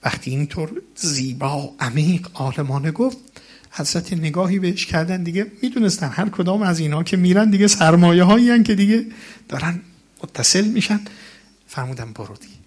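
Man preaching, religious storytelling, slow Arabic recitation, emotional rises, raised pitch. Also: a little mellow, slightly rough. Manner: recites Arabic passages slowly, then paraphrases them with dramatic swells.

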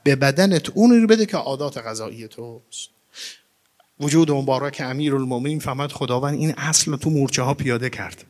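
A man giving a religious lecture. He explains word origins, asks and answers his own questions, and recites Arabic phrases slowly and with stress. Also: mid-range voice, a little mellow. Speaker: preacher. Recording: reverberant hall.

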